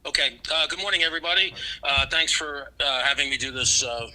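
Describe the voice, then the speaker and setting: A man on speakerphone, joining the meeting remotely to report in a halting way with many fillers. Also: a little high, pushed and bright, poor audio. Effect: heard over speakerphone in the room.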